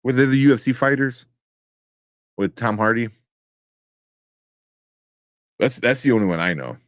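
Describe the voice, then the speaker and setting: A young man co-hosting a live pop-culture chat show, relaxed and rambling with restarts. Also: medium pitch, fairly quick, no room sound, studio quality. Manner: laid-back, rambling with restarts and laughs. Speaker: co-host of live nerd news show. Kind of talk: casual chat.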